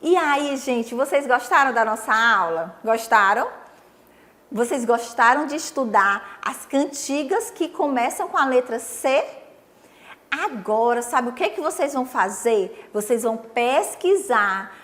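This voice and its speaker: A young Brazilian woman teaching young children on a TV lesson, coaxing and sing-song, counting slowly with them. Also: a little high, expressive, fairly bright tone. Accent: Brazilian Portuguese. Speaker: primary school teacher.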